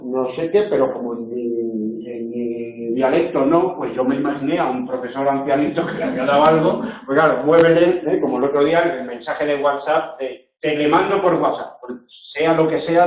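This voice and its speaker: A man's voice: mid-range voice, normal speed, hardly any pauses, a little mellow, recorded from a distance. A man from Spain lecturing a class on grammar, explaining points step by step and often checking that listeners follow. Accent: Spanish, not from Madrid. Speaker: university lecturer. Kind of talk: recorded tutorial lecture. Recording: dull, echoey room recording from afar.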